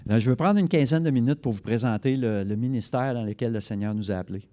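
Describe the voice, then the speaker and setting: A man's voice: medium pitch, quick pace, mellow. A man interpreting a guest speaker's talk into French for a church congregation, fluent with occasional self-corrections. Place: church service.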